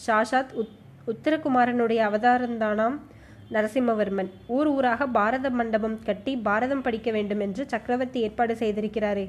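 Female narrator, slightly high voice, emotive dramatic storytelling. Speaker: audiobook narrator. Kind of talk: expressive novel narration.

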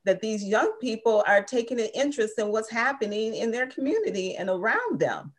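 A woman's voice: fairly high pitch, big pitch swings, brisk. A woman in her sixties, a guest in an interview, speaking earnestly and with emphasis about her organization's work. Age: 60s. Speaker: interview guest, civil rights organization member. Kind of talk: casual interview conversation.

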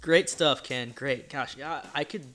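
Bright, higher-pitched man hosting sports talk. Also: a little slow. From Virginia. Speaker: sports show host. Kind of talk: casual sports banter and opinion.

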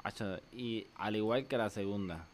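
A man's voice: lowish voice, normal speed, a little hiss or hum. A man with a Puerto Rican Spanish accent, co-hosting a casual podcast, emphatic and full of slang. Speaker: podcast co-host. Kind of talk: casual chat.

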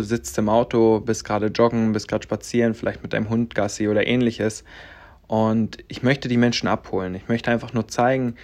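A man in his twenties, from Germany but raised in Latvia and bilingual in German and Russian from birth, hosts a personal podcast. He talks earnestly and rambles, using lots of fillers, in a fairly low, darkish voice.

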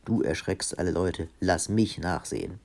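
A man reading aloud and voicing a robber's bossy, warm-hearted wife who scolds briskly. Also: low-pitched, lively intonation, creaky, pitched below the performer's own voice.

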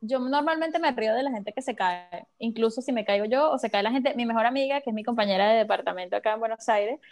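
A woman's voice: fairly high pitch, quick pace. A woman co-hosting a podcast, chatty and teasing. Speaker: podcast co-host. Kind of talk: casual chat.

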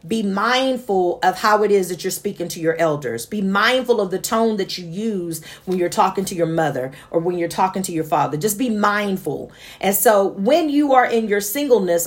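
Speaking about her faith and a dream she had, a woman with a naturally high voice reflects aloud in a personal monologue. Her tone is earnest and passionate, and she breaks into laughter here and there between thoughts.

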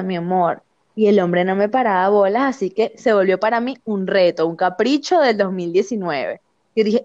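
A woman's voice: mid-range voice, dry recording, lo-fi sound. A young woman with a Venezuelan accent, telling a story in casual chat with lots of slang and laughter. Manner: animated, laughing often, slangy.

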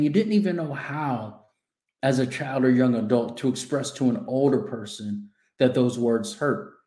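Casting: male coach, earnest self-help speaker, mellow voice, echoey room. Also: medium pitch. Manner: earnest, addresses the listener directly with questions. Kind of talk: motivational self-help talk.

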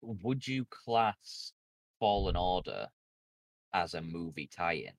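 Slow and expressive with vocal fry, this man co-hosts a podcast, walking through game plots one step at a time in a low voice. In the relaxed conversation he sets the others straight, and the audio is dry and close-miked.

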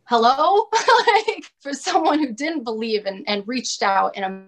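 A woman's voice: on the high side, animated, moderate pace. A woman podcast co-host telling a personal story in casual chat, candid and confessional, with many "like" fillers. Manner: chatty, many "like" fillers, laughs often.

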